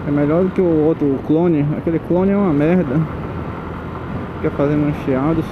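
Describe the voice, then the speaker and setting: A slightly high-voiced man talks while riding through city streets at night, grumbling and cursing at the traffic. His voice carries the gritty, muffled sound of an old microphone tucked in his helmet. Loud road and engine noise runs under everything he says. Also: steady tone, moderate pace. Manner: grumbling, swears about traffic. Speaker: motorcycle vlogger. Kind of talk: casual running commentary while riding. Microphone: old mic hidden in helmet.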